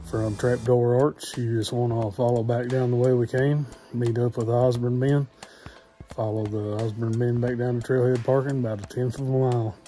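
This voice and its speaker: A young hiking vlogger narrates his walk through a forest, holding a phone at arm's length and talking casually. His voice is mid-range at a moderate pace. He comes across relaxed and practical, with plenty of "uh" fillers.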